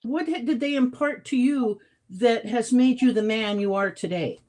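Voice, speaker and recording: A woman's voice: on the high side, normal speed, darkish tone. Effusive woman interviewer. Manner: effusive, encouraging, calls guest her hero. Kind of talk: casual interview talk.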